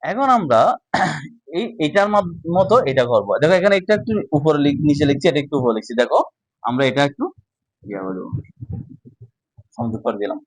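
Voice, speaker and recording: A man's voice: on the high side, lively intonation, fairly quick, pauses often, slightly rough, no echo, low-quality recording. A man teaching a casual whiteboard lesson, explaining step by step and often checking that students follow.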